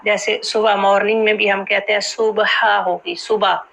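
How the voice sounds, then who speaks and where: A woman teaching Quran recitation rules, explaining quickly and then drawing out each recited word slowly. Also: medium pitch, little pitch movement, vocal fry, fairly bright tone, rough recording. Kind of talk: tajweed lesson, explaining and slowly modeling recitation.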